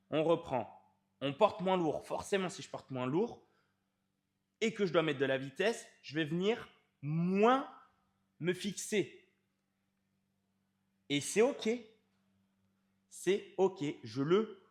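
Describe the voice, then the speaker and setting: A man's voice: a little high, lively intonation, takes it slowly, long pauses. A man, a fitness coach explaining training to the viewer in an informal, emphatic way, stretching key words.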